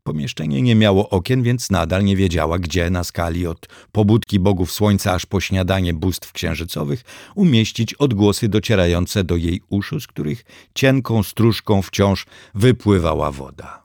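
A man's voice: low voice, animated, moderate pace, gravelly, few pauses, darkish tone, no echo. A man narrating an audiobook with a dry, wry delivery.

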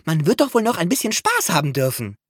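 A cheeky young mouse girl who loves to show off chatters away in a bright, lively, raised voice, as a male narrator puts her on. Her pitch swings widely as she talks. The sound is dry and close, like a storybook reading. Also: fast, husky, no echo, exaggerated voice. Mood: playful. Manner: bubbly, showy.

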